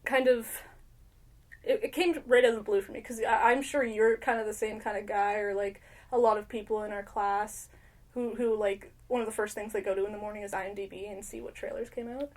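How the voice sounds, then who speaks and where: A woman's voice: mid-range voice, steady tone, fairly quick. A young woman co-hosting a podcast in casual chat, rambling with lots of fillers and swearing. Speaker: podcast co-host.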